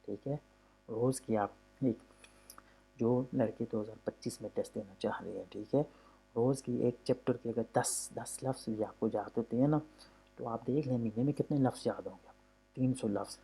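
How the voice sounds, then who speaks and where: A man's voice: medium pitch, normal speed, warm tone, husky. A man teaching a language lesson from a textbook, explaining patiently and repeating himself, drawing out vowel sounds to demonstrate them. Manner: patient, repetitive, often says "okay" between points.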